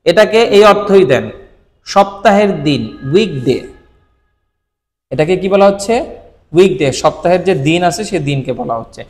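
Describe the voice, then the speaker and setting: A man's voice: high-pitched, animated, moderate pace, pauses often, darkish tone, in a large hall. A man teaching Japanese in a casual tone, often posing questions and answering them himself, with frequent check-ins to the viewer. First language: Bengali. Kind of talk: casual explanatory lesson.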